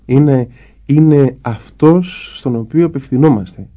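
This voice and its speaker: Man, priest, spiritual conversation, warm mellow tone, slightly high voice, explanatory, muffled recording. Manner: explanatory, acts out little dialogues. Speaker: Orthodox priest guest.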